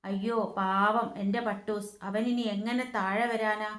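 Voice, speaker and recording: An anxious, caring big sister coaxes and begs, as a woman acts her out. Her voice sits at an ordinary pitch, with the reverberant sound of a room around it. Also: fairly even intonation, unhurried, a bit bright, close to an everyday voice. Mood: pleading. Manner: anxious, coaxing. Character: worried caring older sister girl.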